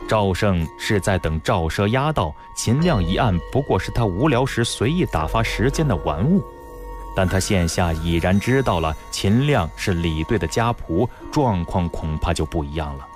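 Expressive low-voiced male storyteller. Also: moderate pace. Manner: expressive, dramatic delivery. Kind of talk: radio storytelling narration. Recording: radio broadcast with faint music.

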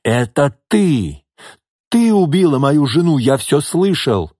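A man reading an audiobook, voicing a jealous, cowardly old man who is hoarse and out of breath. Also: a little high, big pitch swings, slow pace, warm tone, no echo, clean studio sound, voice pushed up, heavily acted. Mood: desperate. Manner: wheezing, despairing.

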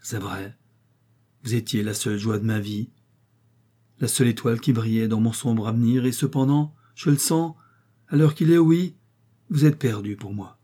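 A man's voice: medium pitch, moderate pace, pauses often, mellow, close to an everyday voice. A man voicing a desperate, lovesick young nobleman, pleading in impassioned, declaimed lines. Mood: anguished.

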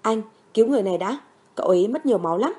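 A woman's voice: medium pitch, lively intonation, rapid-fire, a little mellow, close to an everyday voice. A woman voicing brave tearful young medic. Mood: urgent. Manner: urgent, pleading.

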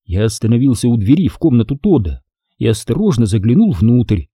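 A man narrates a storybook aloud in a lively, expressive reading. His voice is warm and dark, a little husky, and moves freely up and down. The sound is dry and close. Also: medium pitch, a little fast, dry recording. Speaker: audiobook narrator.

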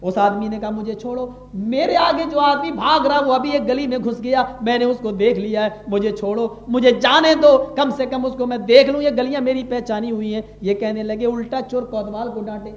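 Male preacher, very high voice, fervent sermon delivery, roomy echo. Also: dull audio. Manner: impassioned, swings between soft asides and loud drawn-out Arabic quotes. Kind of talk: Urdu sermon. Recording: echoey room.

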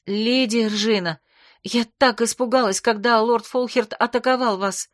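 A woman voicing an emotional, excitable young noblewoman friend who gushes in exclamations. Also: medium pitch, moderate pace, dry recording, clean studio sound, natural voice. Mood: excited.

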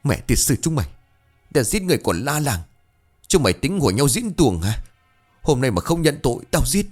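A man voicing a furious young man who shouts harsh accusations at his family. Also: medium pitch, sing-song, fairly quick, faint music behind, voice pushed up. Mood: enraged.

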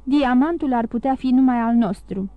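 A woman's voice: high-pitched, no echo, narrow, tinny audio, lightly acted. A woman voicing a greedy, hesitant middle-aged male innkeeper in an audiobook. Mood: scheming.

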